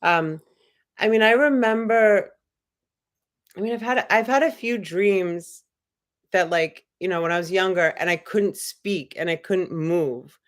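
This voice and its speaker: Reading out comments in a laid-back livestream, a young female host drifts through rambling, spiritual reflections full of fillers. Her delivery is unhurried and her pitch on the low side.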